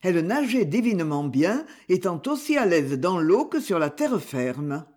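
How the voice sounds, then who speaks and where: Lady reading a novel aloud, lots of melody in her voice, measured. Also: fairly low pitch, sing-song, darkish tone. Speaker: audiobook narrator. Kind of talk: scripted narration.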